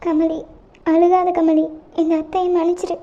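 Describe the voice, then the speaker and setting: Woman voicing a kind aunt, consoling, gentle, amateur audio drama, very high voice, muffled recording. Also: level tone, a little slow. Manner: soft, consoling. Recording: dull lo-fi recording.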